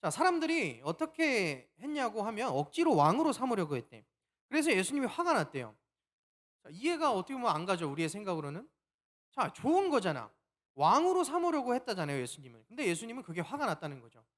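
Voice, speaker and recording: A pastor preaching a sermon, telling the story in a lively way and acting out the quoted lines. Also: male voice, high voice, quick pace.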